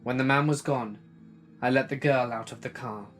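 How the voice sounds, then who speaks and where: A man's voice: mid-range voice, steady tone, normal speed, fairly bright tone, faint music behind. Man narrating a creepy true story. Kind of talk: first-person scary story narration.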